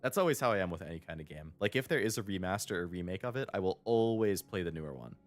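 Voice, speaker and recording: A man's voice: sits low, animated, quick pace, soft background music. A man streaming a game, rambling in casual chat and laughing often into a desk microphone.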